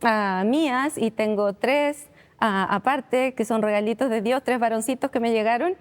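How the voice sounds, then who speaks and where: A woman's voice: fairly high pitch, moderate pace. A woman in her forties from southern Chile, chatting as a guest on a church interview show with frequent laughs and light self-deprecating humor. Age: 40s. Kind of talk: casual interview.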